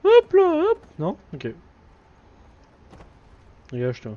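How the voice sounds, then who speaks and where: A man giving live commentary on a horror game as a streamer, excitable and jokily scolding the game's characters. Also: very high voice, very slow. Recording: dull lo-fi stream audio.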